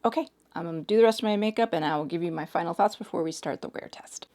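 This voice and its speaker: A hoarse woman in her forties chatting casually as she does her makeup, hedging with "like" and "sort of". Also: on the low side, fast, a little mellow. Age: 40s. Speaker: makeup reviewer. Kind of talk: casual chat while doing makeup.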